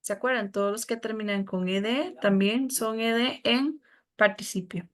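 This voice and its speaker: A woman's voice: fairly high pitch, normal speed. A woman teacher with a Costa Rican Spanish accent, explaining a lesson patiently to her students. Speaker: English teacher.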